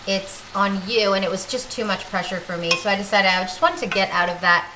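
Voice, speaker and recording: A Canadian woman in her thirties, a vlogger, chats casually while cooking in her home kitchen. Her mid-range voice moves fairly quickly, and she comes across as chatty and confident, tossing in playful asides. The kitchen sounds echoey, with faint noise in the background.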